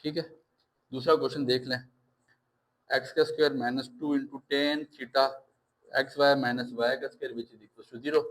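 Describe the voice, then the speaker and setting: A man's voice: mid-range voice, steady tone, normal speed, poor audio. A man with a Pakistani Urdu accent teaching a maths lesson, reassuring his students and mixing English maths terms into his explanations.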